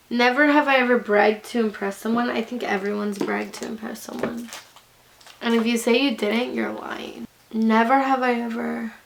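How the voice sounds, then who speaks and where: A young woman with a high voice that breaks into gravelly fry, rambling tipsily and giggly to her viewers. She is blunt and sweary, talking in loose, casual slang as she goes. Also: slight background noise. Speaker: beauty vlogger. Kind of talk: casual, rambling chat to camera.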